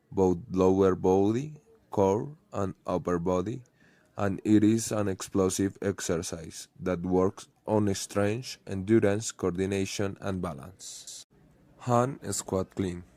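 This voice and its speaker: A man reads a prepared explanation in English at a slow, measured pace. His voice sits fairly low, and the recording is close and dry with no room sound. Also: warm tone, no room sound. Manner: careful, reads in short phrases.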